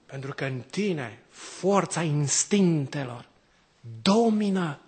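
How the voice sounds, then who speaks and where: A man as priest, preaching a sermon to his congregation, asking rhetorical questions and swinging between loud exclamations and quiet drops. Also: fairly high pitch, lively intonation.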